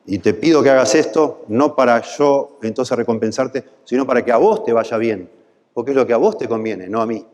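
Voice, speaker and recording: A man's voice: mid-range voice, moderate pace, a little mellow, in a large hall. A man with a Rioplatense Spanish accent preaching a sermon, voice swelling into impassioned pleading at its peaks. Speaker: pastor.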